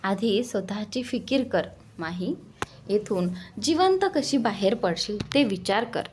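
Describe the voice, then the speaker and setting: A woman's voice: medium pitch, lively intonation, a little slow, a little mellow, a little hiss or hum, natural voice. A woman voicing a harsh, mocking male kidnapper in an audio story, threatening in tone. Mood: menacing.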